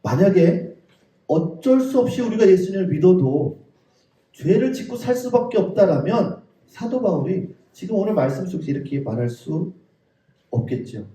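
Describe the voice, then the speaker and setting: A middle-aged male pastor preaches with fervent conviction, his voice rising on bold declarations and sinking to a hush. His tone is dark and mellow. He is recorded from some distance in a roomy church. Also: very animated, moderate pace. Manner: fervent preaching, voice rising high on declarations then dropping soft; addresses the congregation often. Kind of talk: sermon. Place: church sanctuary.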